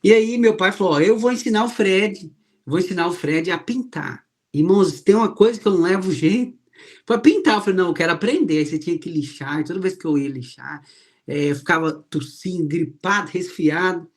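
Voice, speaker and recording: A man's voice: lively intonation, a little fast. A man preaching a sermon, telling personal stories and acting out the people he quotes. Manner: storytelling, acts out quoted voices with rising pitch.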